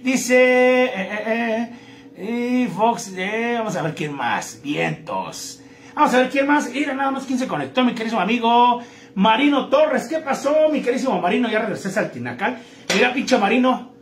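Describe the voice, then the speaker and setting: A man's voice: very high voice, expressive, moderate pace, echoey room, slight background noise. A man with a Mexican accent telling crude jokes on a live stream, chatting with viewers in slang.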